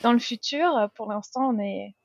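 A woman's voice: on the high side, moderate pace, gravelly, a little mellow, no room sound, lo-fi sound. A young French woman being interviewed, chatting casually with frequent laughs and hesitant fillers. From France. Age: young adult. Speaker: interview guest.

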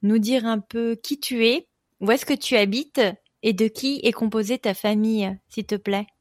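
Chatty higher-voiced woman host. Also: fairly even intonation, moderate pace, no room sound, studio quality. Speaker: podcast host. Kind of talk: casual interview hosting.

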